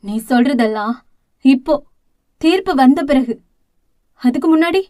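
Woman reader as a grieving older sister, tearful and self-accusing, high voice, close dry read. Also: animated, unhurried, a little mellow, no room sound. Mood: despairing. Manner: tearful, pleading, self-blaming. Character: guilt-ridden young woman, anguished elder sister.

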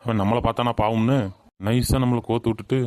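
A man's voice: medium pitch, little pitch movement, darkish tone, no echo, close to an everyday voice. A man playing a crafty, cheeky village farmhand, arguing and scheming. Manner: rapid, cheeky, argumentative. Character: crafty male village farmhand, feigns anger. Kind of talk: village comedy skit.

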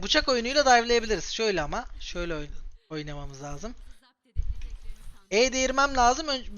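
A man in his twenties from Turkey giving excitable live commentary on his own gameplay and talking straight to his viewers. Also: extremely high pitch. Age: 20s. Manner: excitable, talks straight to viewers while playing. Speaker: gaming streamer.

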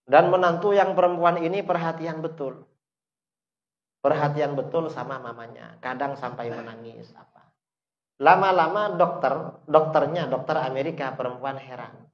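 A man preaching a sermon, asking the listeners questions and answering them himself, with emphatic bursts that rise sharply and then drop low. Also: moderate pace. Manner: emphatic, rises sharply to stress points then drops low. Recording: dull lo-fi recording.

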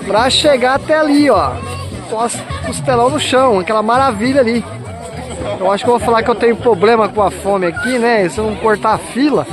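A man's voice: very high voice, a little fast, music in the background. A man from Brazil filming a casual walking tour vlog outdoors at a farm zoo, exclaiming and pointing things out to his viewers. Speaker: vlogger. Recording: outdoor crowd and vehicle noise.

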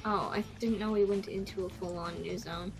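A woman's voice: medium pitch, fairly even intonation, normal speed, over music. A woman co-hosting a let's-play, making tired, wry, swearing remarks with laughs. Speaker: co-host of a let's-play show. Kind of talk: casual game commentary.

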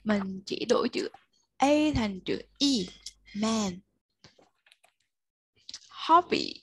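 A woman's voice: medium pitch, animated, drawn-out words, fairly bright tone, slightly rough. A woman tutoring a child one-on-one, patiently explaining step by step and prompting the learner to answer. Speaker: English tutor.

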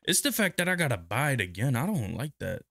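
A young man giving relaxed, slangy commentary while playing a video game. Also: medium pitch, quick pace, creaky, a little hiss or hum. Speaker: gaming youtuber. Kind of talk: casual gameplay commentary.

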